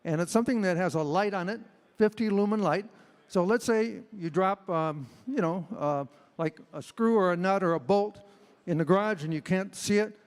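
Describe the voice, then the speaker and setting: A man's voice: high-pitched, normal speed. An American man in his seventies speaking informally on stage, joking and chatty as he presents to an audience. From Illinois, United States. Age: 70s. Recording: echoey large hall PA.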